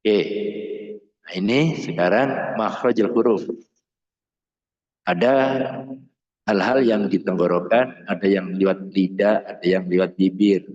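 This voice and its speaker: A man's voice: sits low, steady tone, a little slow, long pauses, a little mellow. A male Quran recitation teacher giving a classroom lesson on Arabic pronunciation. He drills syllables in sung chants and explains them in a plain speaking voice. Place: school classroom. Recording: roomy, muffled room recording.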